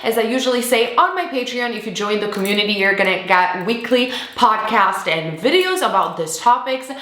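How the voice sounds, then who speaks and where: A woman's voice: medium pitch, animated, moderate pace, bright, forceful tone, echoey room. A woman hosting a manifestation channel in casual vlog talk, chatty and sarcastic, with fillers.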